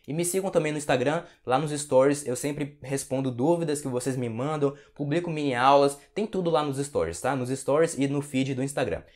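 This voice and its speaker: A man with a Brazilian Portuguese accent, answering viewer questions as a language teacher in a relaxed, casual way. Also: mid-range voice, brisk, hardly any pauses. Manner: relaxed, repeats tags like "tá?" and "né?". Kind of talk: casual Q&A lesson to camera.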